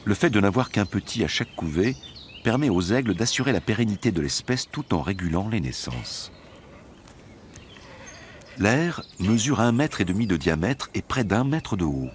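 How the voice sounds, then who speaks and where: Deep-voiced male nature documentary narrator. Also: big pitch swings, moderate pace, slight background noise.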